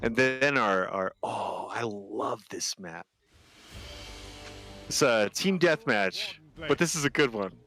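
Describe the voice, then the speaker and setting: A man at an ordinary middle pitch hosts a live gaming stream, chatting loosely and cracking jokes. Loud game music plays underneath his voice. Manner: joking, laid-back. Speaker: streamer host. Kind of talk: casual gaming chat.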